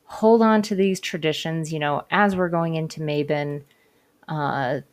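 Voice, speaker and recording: A woman hosting a casual spiritual talk and tarot reading, speaking in a gently encouraging, hesitant, informal way. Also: sits low, measured pace. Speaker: podcast host and tarot reader. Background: cards being shuffled at times.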